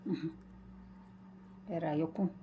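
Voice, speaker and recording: Gentle Egyptian woman guiding a home baking demo. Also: low-pitched, steady tone, a little slow, dull audio, noisy background. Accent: Egyptian Arabic. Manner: calls viewers "my dears", gentle step-by-step guidance. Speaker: cooking channel host. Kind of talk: casual home cooking demonstration.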